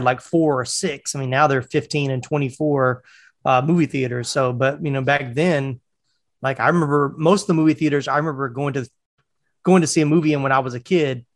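A man's voice: mid-range voice, no room sound. A man in his forties from North Carolina, chatty in casual podcast talk, who laughs easily. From North Carolina, USA. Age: 40s.

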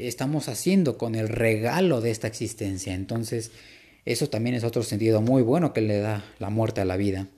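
A man giving an informal, reflective spoken lecture to the listener, unhurried, with frequent filler words and restarts. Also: medium pitch, dark tone. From Latin America. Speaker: speaker giving a talk on psychology.

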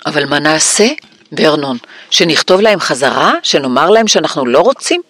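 A man doing a shrill, fretful aunt. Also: animated, a bit bright, no room sound. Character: nervous, shrill middle-aged aunt.

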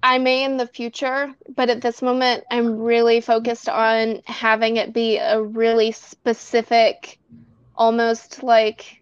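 A woman's voice: a little high, monotone, measured pace, smooth, no echo. A woman talking as a guest in a casual interview, rambling through her explanations with plenty of fillers. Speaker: guest, bath box maker. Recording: dull lo-fi recording.

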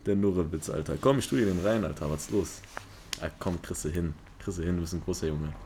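A young man with a lowish voice who talks fast. He chats casually in slang and keeps cutting in on his friend, with faint noise in the background. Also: mellow. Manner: rapid slangy chatter, jumps in and finishes the other's words. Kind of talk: casual chat.

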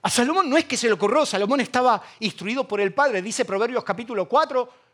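Man, argentine accent, pastor, very high voice, impassioned sermon, loud then hushed. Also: expressive, fast talker. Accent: Argentine Spanish.

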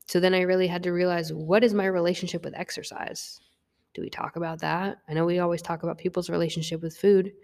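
A woman's voice: on the low side, steady tone, fast talker, creaky, a little mellow, in a large hall. A young woman, a fitness coach, talking frankly and confessionally about herself, swearing freely and often restarting her sentences. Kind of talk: candid personal monologue.

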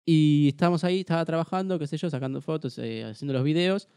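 A young man with an Argentine accent telling a story in casual chat, animated, swearing and acting out a quarrel. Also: fairly high pitch, fast, clean tone, no echo, studio quality. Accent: Argentine Spanish. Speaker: event videographer.

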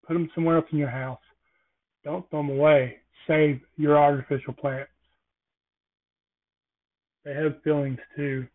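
A man's voice: on the high side, flat delivery, unhurried, long pauses. A man hosting a casual solo podcast, rambling through jokey observational musings. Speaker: podcast host. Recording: tinny phone-like sound.

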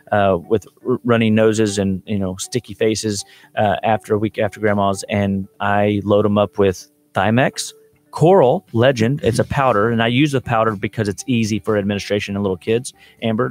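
A man in his thirties, a doctor guest on a radio show, explaining remedies in a chatty, laughing way. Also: lowish voice. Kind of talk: casual radio chat.

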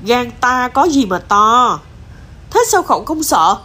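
A woman's voice: a little high, very animated, slow pace, bright, forceful tone, exaggerated voice. A woman voicing a tiny, bold toad who lectures proudly, in a storybook reading. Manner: boastful, lecturing.

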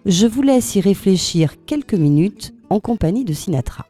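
Woman, radio host, scripted chronicle, mellow tone, faint music behind. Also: medium pitch, expressive, moderate pace. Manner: polished, with hesitant fillers. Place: radio studio.

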